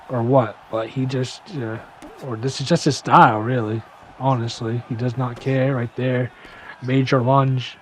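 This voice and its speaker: A young man giving a casual gameplay breakdown, full of "you know" fillers and sometimes rushing to keep up with the action. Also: medium pitch, a little mellow, a little hiss or hum. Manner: casual, filler-heavy, talks fast to keep up. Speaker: gaming YouTuber.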